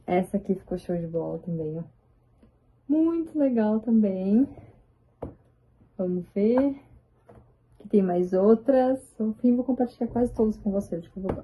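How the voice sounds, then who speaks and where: A woman vlogger chatting excitedly as she shows her photo album, with drawn-out exclamations. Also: medium pitch, slightly rough. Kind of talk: casual chat showing a photo album. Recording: tinny, phone-like sound.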